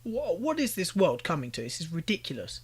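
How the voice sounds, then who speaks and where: A man's voice: sits high, huge pitch swings, fairly quick, husky. A young British man giving exasperated, ranting reaction commentary, pleading with the people on screen. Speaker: commentary YouTuber.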